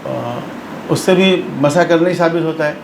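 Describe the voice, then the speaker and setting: A man's voice: fairly high pitch, gravelly, echoey room, slight background noise, rough recording. A man giving a religious lesson. He explains patiently and repeats phrases for emphasis. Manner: explanatory, mixes English terms into speech. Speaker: religious lecturer.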